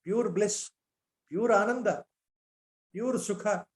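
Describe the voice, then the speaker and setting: A man's voice: sits high, takes it slowly, a little mellow. A man with an Indian accent gives a spiritual discourse, reciting Sanskrit verses and asking repeated rhetorical questions. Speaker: spiritual teacher.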